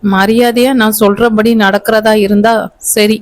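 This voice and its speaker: A woman's voice: medium pitch, little pitch movement, unhurried, lightly acted. A woman voicing a harsh, threatening young husband. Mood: harsh, menacing. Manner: curt, scolding, menacing.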